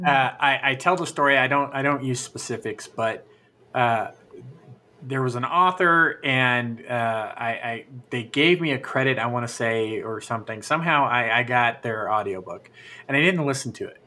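A man's voice: mid-range voice, normal speed. A man hosting a podcast in casual chat, telling stories with frequent restarts. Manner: animated storyteller, frequent restarts. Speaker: podcast host.

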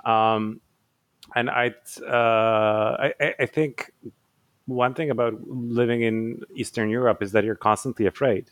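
A man's voice: medium pitch, fairly even intonation, a little slow, no room sound. A man, an author giving thoughtful interview answers, hesitant with many fillers and restarts. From Poland. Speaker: author guest.

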